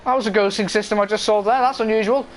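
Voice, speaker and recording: A man's voice: high-pitched, fairly even intonation, quick pace. A man giving informal live motorsport commentary on an online racing game.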